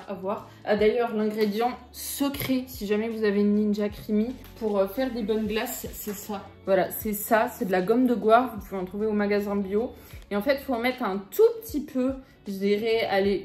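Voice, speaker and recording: A woman's voice: medium pitch, warm tone, reverberant. A young woman vlogging casually and enthusiastically in her home kitchen, chatting freely with lots of fillers. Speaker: fitness and food vlogger. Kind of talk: casual vlog chat.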